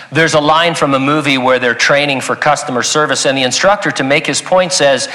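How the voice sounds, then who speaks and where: A man giving a sermon as pastor, talking in a conversational, emphatic way with quick asides. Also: a little high, bright, forceful tone. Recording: long hall reverb.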